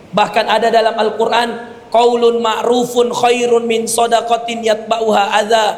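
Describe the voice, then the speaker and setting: A man preaching a lively sermon with humorous asides, often addressing listeners directly and reciting Arabic verses. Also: extremely high pitch. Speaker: Islamic preacher. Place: large mosque hall. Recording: long hall reverb.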